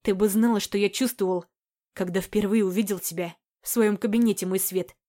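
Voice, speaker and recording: A woman voicing a passionate young man in a romance audiobook, speaking in a hushed, slightly husky tone. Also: medium pitch, fairly even intonation, fairly quick, natural voice. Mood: tender. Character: passionate tender young man, hoarse-voiced lover.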